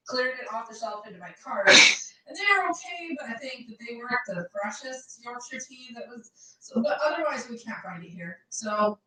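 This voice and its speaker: A woman's voice: fairly high pitch, pushed and bright, echoey room, low-quality recording. A woman co-hosting a live stream, casually chatting and reading viewer questions aloud.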